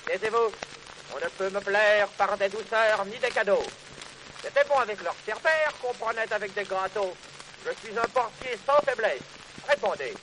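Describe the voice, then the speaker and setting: A man's voice: high-pitched, expressive, normal speed, noisy background. A man voicing a stern, strict old saint who guards a gate, declaimed in a theatrical poetry recitation on an old phonograph record.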